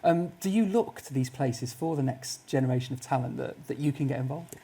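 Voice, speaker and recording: Low, creaky middle-aged woman presenter. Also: fairly quick, mellow. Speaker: co-host. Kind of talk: chatty live event presenting. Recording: live event with background noise.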